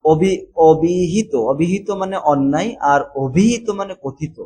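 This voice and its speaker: A man, teaching a textbook lesson and repeating words slowly, with fillers and English words mixed in. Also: high voice, dark tone, slightly rough, poor audio.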